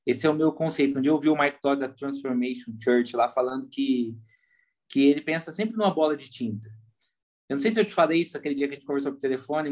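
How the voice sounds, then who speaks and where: A fairly high-pitched man talks in a relaxed, earnest way on a podcast. He is a pastor explaining his ideas with vivid everyday examples, speaking with a Brazilian Portuguese accent. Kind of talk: casual podcast conversation.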